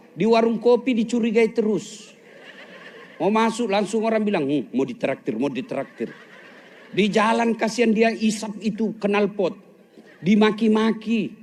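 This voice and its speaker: High-voiced joking preacher man. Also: darkish tone, a little hiss or hum. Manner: joking, teasing the audience, acting out little scenes. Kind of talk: humorous sermon to a live audience. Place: police headquarters hall with audience.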